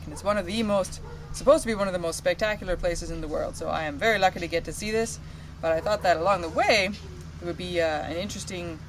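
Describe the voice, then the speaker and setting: A man with a notably high-pitched voice talks informally, like a travel vlogger. He pauses and feels for his words as he goes. The recording is a field take with clear ambient noise behind him. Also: a bit bright. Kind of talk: casual travel narration. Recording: noisy outdoor field recording.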